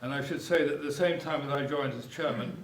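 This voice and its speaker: In an echoey hotel meeting room, an older man acting as club chairman delivers a loose, informal welcome speech, rambling slightly and repeating words hesitantly. He has a fairly high voice and talks fast. The audio is echoey, with a distant mic and faint noise.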